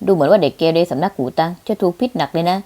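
A woman voice actor reading the male lines of a manga fan dub in an even, plain way. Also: fairly low pitch, racing.

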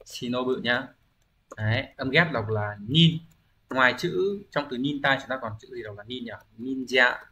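A man's voice: medium pitch, lively intonation, moderate pace, bright, forceful tone, a little hiss or hum. A man teaching a recorded language exam-review lesson, explaining patiently and often asking rhetorical check-in questions, with frequent hesitation fillers as he thinks aloud.

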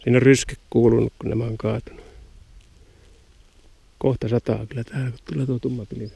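Gravelly laconic Finnish man outdoors. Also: medium pitch, little pitch movement, warm tone. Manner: short laconic remarks, murmured asides. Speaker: hiker filming a nature walk. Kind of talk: casual walking commentary. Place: outdoors in a forest and bog, rain. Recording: faint outdoor background noise.

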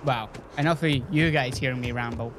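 A man's voice: medium pitch, steady tone, brisk, background noise. A man casually commentating his game playthrough, rambling and joking with his viewers. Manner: rambling, chatty, jokey, talks to his viewers. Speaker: gaming YouTuber. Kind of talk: casual let's-play commentary.

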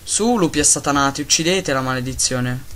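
A man giving casual, excitable gameplay commentary, talking to his pets and grumbling at lag. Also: medium pitch, a little fast. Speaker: Minecraft let's-player.

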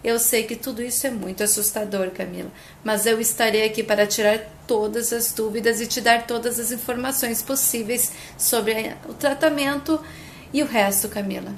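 A woman voicing a male doctor explaining a grave diagnosis, in a soft, earnest, gravelly delivery. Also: a little high, steady tone, moderate pace, a little hiss or hum, lightly acted. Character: calm middle-aged male doctor, earnest.

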